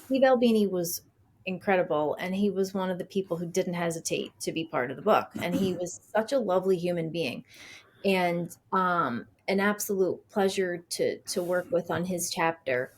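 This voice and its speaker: A woman's voice: on the low side, normal speed, husky. Chatty woman telling a story in an interview. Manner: chatty, animated storyteller who acts out quoted dialogue; frequent fillers and restarts. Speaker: author and podcast guest.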